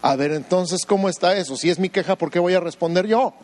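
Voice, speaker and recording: A man's voice: high voice, a little fast, a little mellow, rough recording. A man, preaching a sermon as pastor, firing rhetorical questions at the congregation and breaking off into humorous asides. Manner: acts out voices of doubters in quoted asides.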